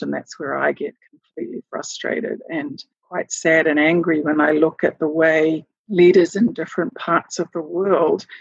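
Husky Samoan-born woman, thoughtful. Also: lowish voice, no echo. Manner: earnest, thoughtful, with hesitant restarts. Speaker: interviewee. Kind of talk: reflective recorded clip. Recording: dull, dry, muffled recording.

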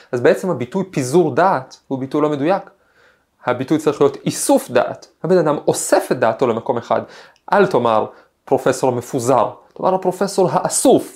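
A man's voice: a little high, vocal fry, darkish tone. Reflective man telling stories. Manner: thoughtful, storytelling, frequent hesitations. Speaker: podcast host, professor. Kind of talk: reflective podcast monologue with personal anecdote.

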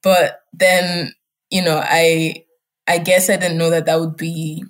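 A young woman whose first language is German, a student who grew up in Germany and Scotland, tells her personal story as an interview guest. She speaks slowly in a low, level voice, reflective in manner, with fillers and soft laughs.

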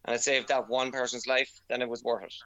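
Very bright, forceful Irish man. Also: mid-range voice, fairly even intonation, fast, highs cut off. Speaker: interview guest, cyclist. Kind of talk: casual chat.

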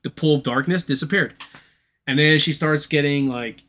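A man's voice: a little high, normal speed, fairly bright tone. A man co-hosting a casual podcast, giving a loose, profane recap of a film's plot. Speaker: podcast co-host. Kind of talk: casual chat.

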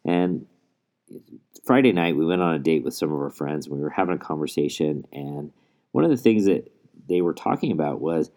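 A man's voice: very deep voice, lively intonation, brisk, warm tone. A male podcast host talking in an earnest, rambling way, recorded under a blanket in a closet so his voice is muffled. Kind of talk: casual solo podcast monologue.

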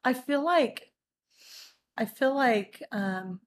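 Casting note: young woman guest, fairly high voice, playful, quick asides. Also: expressive. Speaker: guest bartender. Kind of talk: casual interview chat.

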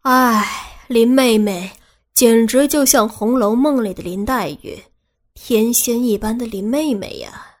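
A woman's voice: fairly high pitch, expressive, normal speed. A woman playing a cocky, swaggering young man. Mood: taunting. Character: cocky, cunning young man, boastful and teasing. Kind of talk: audiobook character reading.

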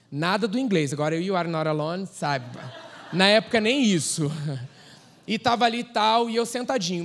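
A man with a Brazilian Portuguese accent preaching a sermon in a relaxed, slangy way, telling stories and laughing. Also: high-pitched. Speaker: pastor.

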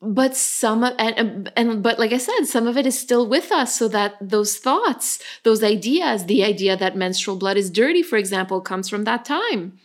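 A woman's voice: fairly high pitch, moderate pace, few pauses. A woman co-hosting a podcast in casual chat, chatty and laughing often. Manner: chatty, laughs often, animated when joking. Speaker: podcast co-host.

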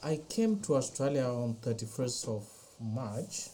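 A middle-aged man born in Ethiopia, who speaks English as a non-native language, gives a slow personal testimony as a guest on a podcast interview mic. His warm, dark, medium-pitched voice is very animated yet measured, hesitant with many pauses and frequent fillers. The recording is rough, with a slight hiss behind him.

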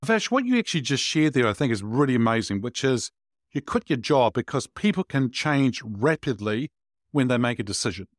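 A man's voice: medium pitch, big pitch swings, brisk, dry recording, studio quality. A man hosting a podcast interview, enthusiastic and affirming toward his guest. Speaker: podcast host.

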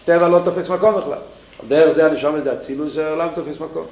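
High-voiced man teaching in an echoey room. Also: fairly even intonation, a little mellow. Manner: thinks aloud with many restarts. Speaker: Torah teacher.

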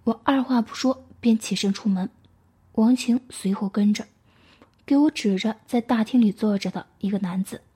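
Storyteller: woman, breathy and mellow, reads in a hushed half-whisper. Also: medium pitch, moderate pace. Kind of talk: story reading.

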